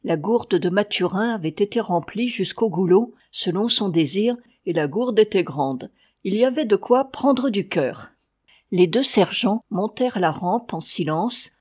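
A woman reading a nineteenth-century novel aloud as scripted narration, steady in the telling and lifting her voice for quoted speech. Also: medium pitch, husky. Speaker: audiobook reader.

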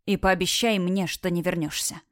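A woman's voice: lowish voice, steady tone, moderate pace, a bit bright, no room sound, clean studio sound, natural voice. A woman reading a wounded young man, firm and tender. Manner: firm, pleading. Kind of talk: audiobook reading.

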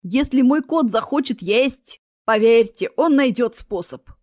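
A woman voicing a chatty, fussy older cat owner who talks excitably. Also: a little high, measured pace, no echo, studio quality.

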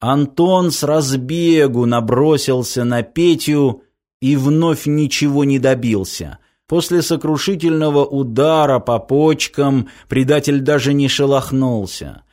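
A man narrating a dark action story in a measured, even scripted reading. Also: mid-range voice. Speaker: audiobook narrator.

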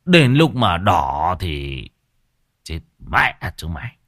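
A man's voice: deep voice, very animated, takes it slowly, fairly bright tone, no echo, clean studio sound, heavily acted. A man voicing a drunken, ruined middle-aged father who slurs and drawls his words. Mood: drunk boasting. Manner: slurred, drawling drunk speech.

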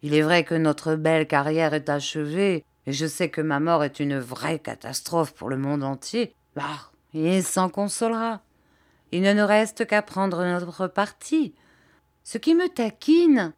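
A woman reading an audiobook, voicing a blunt, boastful shepherdess who talks in slang. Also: on the low side. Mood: flippant.

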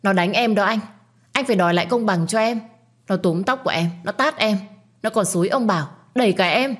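A woman voicing a spiteful, bratty young woman in a storybook reading, with a shrill, taunting, whiny delivery. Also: lively intonation, brisk, close to an everyday voice. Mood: whining.

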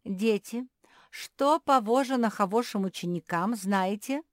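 A woman voicing an absent-minded old male bulldog professor who swaps r and l for v, speaking slowly and loudly. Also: medium pitch, no room sound, studio quality, voice pushed up, natural voice. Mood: cheerful. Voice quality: says "v" for r and l. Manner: slow, drawn-out, lecturing.

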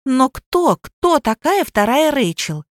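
A woman's voice: very animated, slow pace, dry recording, clean studio sound, heavily acted. A woman reading an audiobook voices an exasperated young woman who scolds and demands answers. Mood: indignant. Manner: indignant, stamping, shrill.

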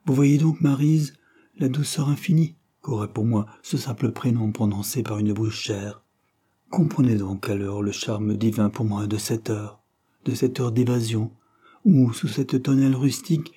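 A man reading a lovesick young prince's lines aloud in a fervent, declamatory way, raised and louder than his narration. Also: lowish voice, breathy edge.

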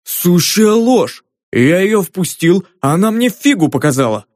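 A male audiobook narrator voicing a fat, grumpy and quick-tempered gatekeeper. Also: a little high, a little mellow, no echo, clean studio sound, lightly acted. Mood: indignant, blustering. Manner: grumbling, indignant, blustering.

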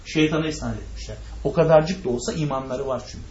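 A man's voice: mid-range voice, fast, darkish tone, echoey room, dull audio. A man teaching a religious class who asks rhetorical questions, answers them himself and speaks straight to his listeners. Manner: addresses listeners directly. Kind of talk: lecture to a class.

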